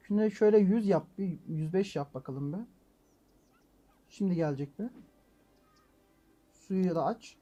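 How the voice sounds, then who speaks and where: Brief: male let's-play host, high voice, excitable, talks to himself, mild swearing. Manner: swings between calm muttering and loud frustrated outbursts. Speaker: gaming channel host. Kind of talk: let's-play gameplay commentary.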